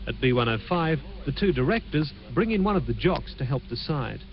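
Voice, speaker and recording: A man reporting an entertainment news story on TV, heard through a low quality stream of the broadcast. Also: lively intonation, highs cut off. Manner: measured, clear scripted delivery. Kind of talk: TV news report narration with chat to the anchor.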